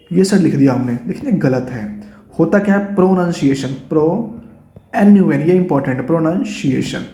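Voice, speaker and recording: A man's voice: high-pitched, warm tone, roomy sound. A man with an Indian English accent teaching an online exam-prep lesson, chatty and coaxing, calling his students guys and dear children.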